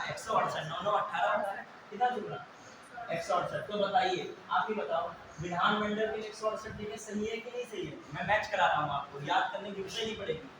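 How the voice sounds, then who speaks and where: Steady hiss underlies this distant, echo-heavy recording of a young man leading a class. Using a fairly high voice, he rattles off recall questions and answers them on his own.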